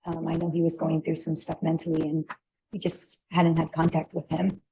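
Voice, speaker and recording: Woman witness in court, dark relaxed tone, flat delivery, halting answers. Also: low voice, vocal fry, rough recording. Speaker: witness, relative of the defendant. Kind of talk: courtroom testimony.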